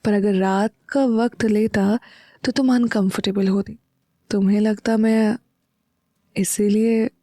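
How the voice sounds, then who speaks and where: Audio-story casting: a woman playing a teasing, tender young husband, slow and soft. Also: fairly even intonation, no echo, studio quality. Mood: loving. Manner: soft, low, intimate murmuring.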